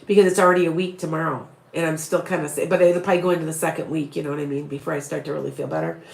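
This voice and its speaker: This psychic medium talks to her live-stream viewers in a low, gravelly, darkish voice made raspy by a head cold that leaves her sniffly and a bit breathless. Her delivery is rapid-fire and rambling, with frequent restarts and little pitch movement. The room sound is echoey.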